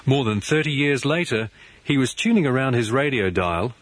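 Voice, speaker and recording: A man narrating a radio documentary in a measured, even way and putting questions to the guest. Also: mid-range voice, no room sound. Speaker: narrator and interviewer.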